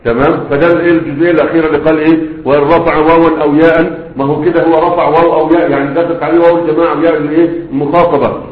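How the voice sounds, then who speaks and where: A man with an Egyptian Arabic accent teaching a grammar class, asking rhetorical questions and slowly drilling example words. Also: fairly high pitch, level tone. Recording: tinny phone-like audio in an echoey room.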